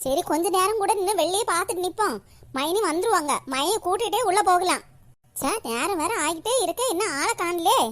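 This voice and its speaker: A woman's voice: very high voice, expressive, a little fast, a bit bright, no room sound. A woman with a Kanyakumari Tamil accent voicing a worried young woman in a cartoon, pleading tearfully with her brother. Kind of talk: animated comedy cartoon dialogue.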